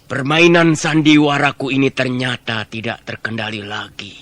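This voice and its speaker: An actor playing a scheming, stern royal minister who speaks in a commanding, measured way in a radio drama. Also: male voice, mid-range voice, fairly even intonation, fairly bright tone, no echo, close to an everyday voice. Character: scheming middle-aged male minister, stern, calculating.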